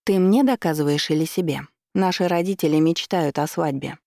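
A man voicing a spoiled, hysterical rich young woman who talks in a shrill, indignant way. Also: fairly quick, warm tone, dry recording, studio quality. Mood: sneering.

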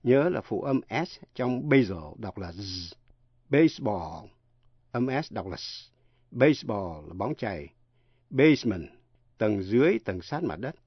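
A man teaching English pronunciation in a radio lesson, spelling words out letter by letter with slow, careful delivery. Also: medium pitch, big pitch swings, husky, no echo, muffled recording.

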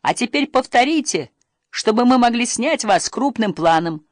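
An eager, pushy film director, as voiced by an audiobook reader in a children's storybook reading. The pitch moves in lively swings and the sound is dry and close. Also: normal speed, dry recording, natural voice. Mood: excited. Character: excitable adult male film director.

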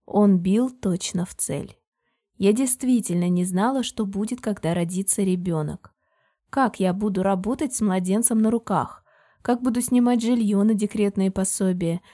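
A woman reads a novel aloud in the first person, at a measured, steady pace. Her voice is mellow and darker in tone, with a mid-range pitch for a woman. The narration stays even and controlled. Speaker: audiobook narrator.

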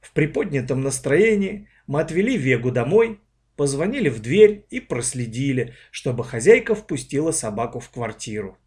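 A man narrating a children's story aloud with an expressive reading. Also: medium pitch, moderate pace.

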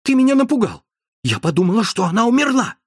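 Male reader doing a young woman, high and angry, huskily scolding. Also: expressive, normal speed, darkish tone, breathy edge, no room sound, clean studio sound. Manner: shrill, scolding outbursts. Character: frightened, furious young woman colleague. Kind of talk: audiobook narration.

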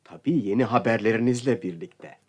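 An actor playing a curious gentleman who pries for village gossip, in a radio play. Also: fairly low pitch, fairly quick, background noise, natural voice. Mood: prying.

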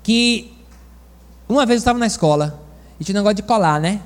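A man from Bahia, preaching a sermon in a folksy, animated storytelling manner with asides to the congregation. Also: sits high, fast talker, big-room sound. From Bahia, Brazil.

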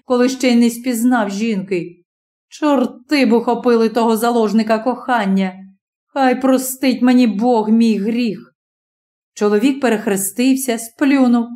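A woman reading a literary story aloud as an audiobook narrator, with measured pacing and slow, emphatic pauses. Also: on the high side, mellow.

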